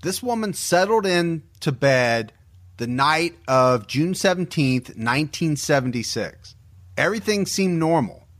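Man, podcast co-host, scripted true-crime narration, measured and grave, slow delivery, slightly high voice. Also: a bit bright.

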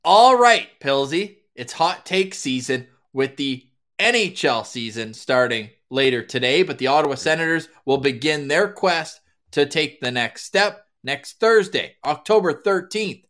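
A man's voice: medium pitch, expressive, unhurried, a bit bright. Upbeat man hosting a sports podcast. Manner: jokey, plugs the show with upbeat energy. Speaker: podcast host. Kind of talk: casual sports podcast chat.

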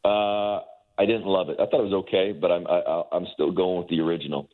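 A man who calls games on the radio, chatting with quick, rambling sentences and stumbling restarts. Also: low voice, steady tone, dry recording. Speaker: team radio play-by-play voice. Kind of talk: casual chat by phone. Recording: tinny phone line.

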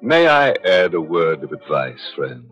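Creepy old radio announcer host, deepish, dry macabre wit, music behind, dull old recording. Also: male voice, big pitch swings, measured pace, a bit bright, exaggerated voice. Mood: mock warning. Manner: sardonic, macabre punning. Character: ghoulish, wisecracking male horror show host. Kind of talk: old-time radio announcer, theatrical horror hosting. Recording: muffled old radio broadcast, background music.

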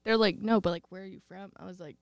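A woman from rural Texas, United States, co-hosts a podcast and chats casually in a playful, giggly way, interjecting often. Her American accent has a slight Texas twang, and her medium-pitched voice shows vocal fry, fairly even intonation, and a fast pace. The recording is dry and clean, studio quality.

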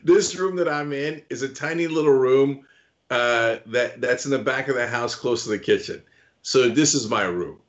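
A man's voice: mid-range voice, moderate pace. An older man with a New Jersey accent hosting a talk show, telling stories in a rambling, playful way. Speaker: podcast host. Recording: dull lo-fi remote audio.

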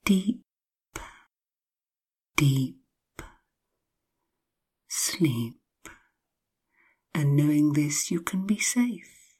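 A woman narrating a guided sleep hypnosis like a sleep story, hushed and soothing, often slipping into whispers, with drawn-out, repeated phrases. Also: sits low, expressive, slightly rough. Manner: drawn-out, repetitive phrasing with long pauses.

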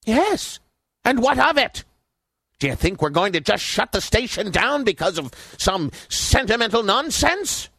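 A man playing a miserly, bullying radio station boss in an audio drama, haughty, fussy and sharp in manner. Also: sits high, big pitch swings, unhurried, vocal fry, no echo, clean studio sound, exaggerated voice. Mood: scornful, irritated.

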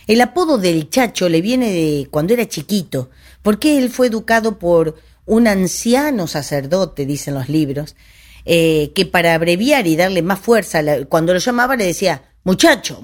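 A woman's voice: on the low side, a little mellow. A woman giving an informal history talk, conversational and digressive, with restarts and asides. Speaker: history presenter.

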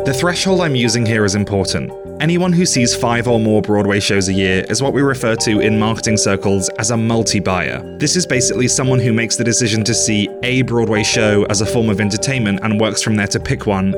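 A man hosting a podcast, reading scripted narration in a measured, explanatory way. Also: fairly low pitch. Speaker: podcast host.

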